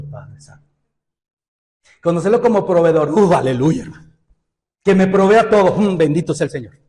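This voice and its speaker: A man preaching a sermon as pastor, with a Mexican Spanish accent, joking and lively, moving between loud exhortation and low asides. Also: in a large hall. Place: church hall.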